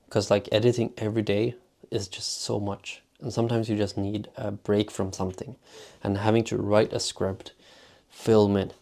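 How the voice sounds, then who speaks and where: Gravelly low-voiced vlogger man. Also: darkish tone. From Sweden. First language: Swedish. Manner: rambling, filler-heavy with constant "like". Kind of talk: casual vlog talk.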